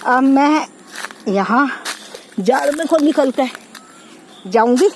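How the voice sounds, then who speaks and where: A woman's voice: high voice, animated, slow pace, darkish tone, rough recording. A woman, chatting casually to viewers while walking around her farm and pointing things out, recorded on a phone outdoors. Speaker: village vlogger. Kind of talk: casual walking tour vlog. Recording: faint outdoor noise.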